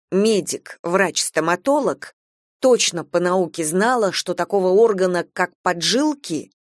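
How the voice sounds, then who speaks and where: A woman reading a warm, humorous short story aloud with lively, expressive narration. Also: medium pitch, no echo, clean studio sound.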